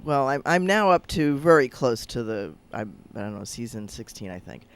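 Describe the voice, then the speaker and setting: A man's voice: medium pitch, sing-song, normal speed, clean tone. A man, a rabbi, chatting casually on a radio talk show over a video link, rambling and hesitant with lots of fillers.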